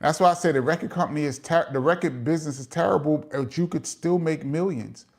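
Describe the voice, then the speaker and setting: A man's voice: a little high, fast talker. Chatty New York man hosting. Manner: chatty, laughs often, lots of "um" fillers. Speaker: host reading live chat questions. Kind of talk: casual live chat and Q&A.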